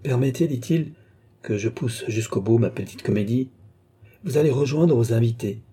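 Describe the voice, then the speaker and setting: A man's voice: medium pitch, dark tone, slightly rough. A man voicing a cool, precise middle-aged detective who spaces out his syllables, in a read-aloud story. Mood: calm command. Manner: clipped, measured, punctuating syllables.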